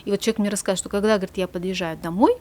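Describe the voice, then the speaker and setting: A female psychologist appears as a guest in a studio conversation, explaining things calmly as her phrases fade away softly at the end. Her voice sits in the mid range and she talks very fast.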